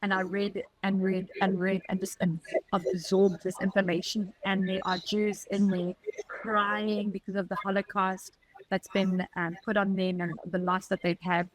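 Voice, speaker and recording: A woman with a South African accent recounts her own experiences as a podcast guest. Her voice sits at a middle pitch and comes in earnest, reflective, slightly halting phrases. The sound is close and dry, with no room around it. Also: little pitch movement, no room sound, low-quality recording. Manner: earnest, reflective, talks in short halting bursts. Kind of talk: personal storytelling in an interview.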